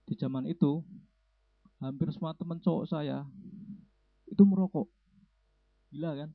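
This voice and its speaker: Young guy doing standup, gravelly voice, keeps correcting himself, dry tinny phone-ish audio. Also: fairly high pitch, unhurried, dry recording. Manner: rambling, self-correcting storyteller. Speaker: stand-up comedian. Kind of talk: stand-up joke telling.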